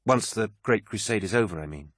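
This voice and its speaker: A man with a husky voice reading the part of a curious young woman chronicler, gently probing and a little hesitant. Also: lowish voice, animated, a little fast, dry recording, studio quality. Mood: earnest.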